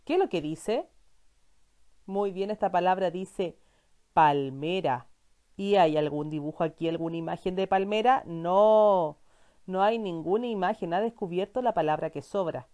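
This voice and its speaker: A woman's voice: fairly low pitch, a little slow, warm tone. A woman teacher, giving a reading lesson to young children in a patient, encouraging way and answering her own questions.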